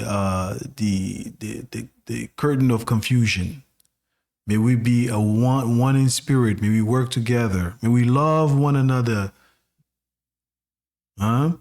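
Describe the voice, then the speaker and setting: A man speaks slowly in a mid-range voice, giving blessings in a solemn, measured rhythm. His delivery is steady and deliberate. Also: mid-range voice. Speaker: co-host. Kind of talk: spiritual talk show, closing prayer.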